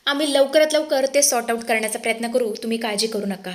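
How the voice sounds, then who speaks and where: A woman's voice: on the high side, fast talker, lightly acted. A woman voicing a middle-aged father-in-law who soothes and apologizes to guests, in a story recap. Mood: placating.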